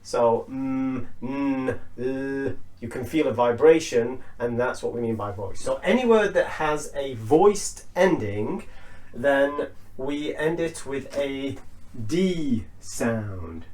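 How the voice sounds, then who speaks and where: A man teaching an English lesson, explaining slowly and deliberately and spelling out each sound. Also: medium pitch, lively intonation, a little mellow. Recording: echoey room.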